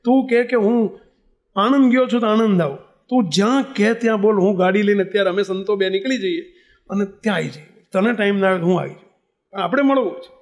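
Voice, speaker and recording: High-voiced emotional male preacher. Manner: emotional, intimate, slows for emphasis. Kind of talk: devotional sermon storytelling.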